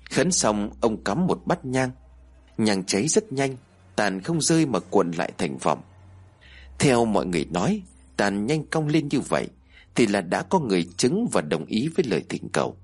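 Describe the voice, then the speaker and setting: Low, husky man telling horror tales. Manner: expressive, dramatic storytelling. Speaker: horror story narrator. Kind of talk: scripted horror narration.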